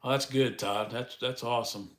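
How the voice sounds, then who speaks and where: A man's voice: medium pitch, steady tone, moderate pace, a bit bright, reverberant. A man hosting a casual live stream, chatting in a folksy way with the viewers and laughing often.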